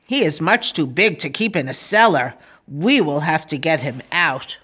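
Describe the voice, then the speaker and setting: A woman voicing a stolid male policeman in a children's storybook, with a deadpan, deliberate, authoritative manner. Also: sits low, slightly rough, voice pushed down, exaggerated voice. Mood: gruff surprise. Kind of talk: children's storybook read-aloud.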